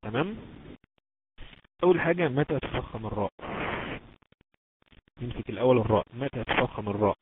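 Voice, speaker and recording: A man's voice: medium pitch, animated. Man teaching tajweed over a tinny line. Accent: Egyptian Arabic. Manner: patient, repetitive drilling with slow stretched example words. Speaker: Quran recitation teacher. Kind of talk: online tajweed lesson. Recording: tinny phone-like line with background noise.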